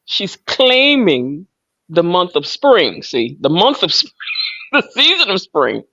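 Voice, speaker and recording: A woman co-hosting a gossip show speaks slowly in a fairly low, sharp-toned voice with big pitch swings, teasing playfully with sing-song emphasis. The casual chat has a dull, lo-fi quality and no room echo.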